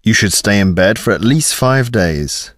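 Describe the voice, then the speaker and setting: A man reads phrases one by one with clear, careful pronunciation. His voice sits in a middle pitch and has a lively melody, and the sound is dry and close. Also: slow pace, no room sound. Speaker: English phrase reader. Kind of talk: scripted phrase reading.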